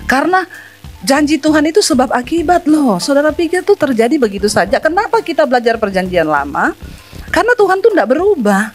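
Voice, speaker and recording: A middle-aged woman pastor preaching a sermon, emphatic and scolding as she addresses the congregation directly. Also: high-pitched.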